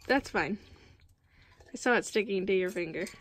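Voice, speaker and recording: A woman's voice: medium pitch, moderate pace, slight background noise. A woman filming her friend and chatting casually, teasing her and asking lots of questions. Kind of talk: casual banter.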